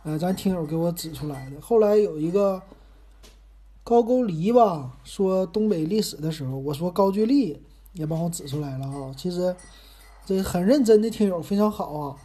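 A podcast host with a Northeastern Mandarin accent talks in a loose, meandering way and pokes fun at himself. His voice is soft and dark in tone, with a slightly husky grain. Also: sits high, lively intonation, normal speed. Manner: chatty, rambling, self-deprecating. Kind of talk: casual monologue.

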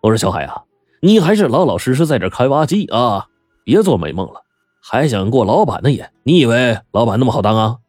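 A man's voice: fairly low pitch, fairly quick, darkish tone, no room sound, clean studio sound, soft background music, natural voice. A man voicing a brash middle-aged mine boss who mocks and presses his workers. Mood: mocking. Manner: mocking, brash, amused.

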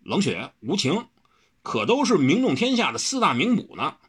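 A man's voice: on the high side, wildly swooping pitch, a bit bright, husky, pitched above the performer's own voice, heavily acted. Man doing a big, dopey, good-natured brawler. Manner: slow, dopey, easygoing.

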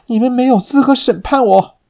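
A man voicing a terrified, cornered scheming woman who stammers in high, shrill panic. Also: fairly quick, gravelly, dark tone. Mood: defiant.

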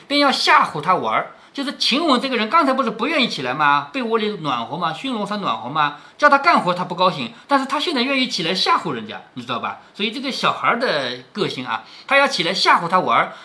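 Lively, bright-voiced man explaining a story. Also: high-pitched. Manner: chatty explainer, asks rhetorical questions. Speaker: storyteller reading a classic novel to his daughter. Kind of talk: reading aloud with explanations.

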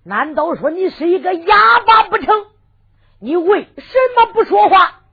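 A woman with a Henan accent voicing an arrogant male bandit chief who shouts and scolds in sung storytelling. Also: very high-pitched, very animated, unhurried, pitched above the performer's own voice, heavily acted. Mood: scolding. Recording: tinny lo-fi recording with faint fiddle music.

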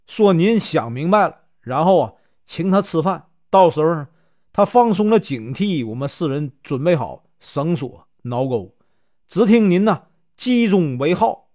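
A man's voice: on the high side, very animated, moderate pace, darkish tone. A man doing a cunning, coaxing young officer. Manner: urgent, coaxing.

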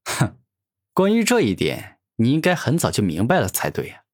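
A mocking young male hero, played by a man in a fantasy audio story. He taunts his foe with cool self-assurance, and his voice is lively and full of swings. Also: medium pitch, moderate pace.

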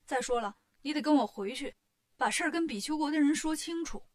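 A woman voicing a bold monkey king hero in a storybook tale, speaking briskly and directly. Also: high-pitched, lively intonation. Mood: brash.

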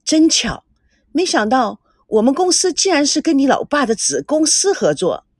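A woman's voice: high-pitched, big pitch swings, moderate pace, darkish tone, dry recording, studio quality. A woman voicing a charming, playful young businesswoman.

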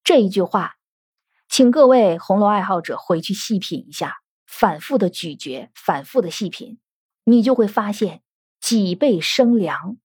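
A woman's voice: medium pitch, lively intonation, a little slow, a little mellow, husky, no echo, studio quality. A woman giving podcast commentary on a classic novel, analytical and full of rhetorical questions. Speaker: literature commentator.

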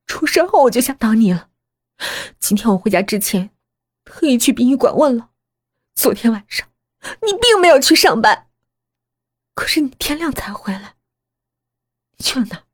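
A woman voicing a distraught young daughter who screams accusations in a shrill, hysterical voice. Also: sing-song, normal speed, pauses often, breathy edge. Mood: hysterical accusing.

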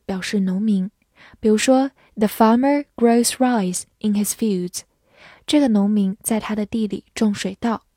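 A woman English teacher giving a scripted vocabulary lesson, spelling words letter by letter and reading example sentences aloud slowly and carefully. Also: mid-range voice, warm tone, husky, no echo, studio quality.

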